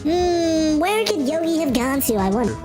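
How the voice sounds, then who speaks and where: A woman's voice: sits high, sing-song, moderate pace, voice pushed up. A woman voicing a perky, curious young female assistant in a video game, with a bubbly, questioning delivery. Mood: wondering. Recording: faint music behind the voice.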